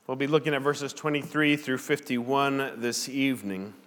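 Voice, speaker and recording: Male pastor at a pulpit mic, mid-range voice, steady deliberate reading, big reverberant sanctuary. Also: mid-range voice. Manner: measured, deliberate reading aloud. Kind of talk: sermon with scripture reading. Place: church sanctuary. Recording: long church hall reverb.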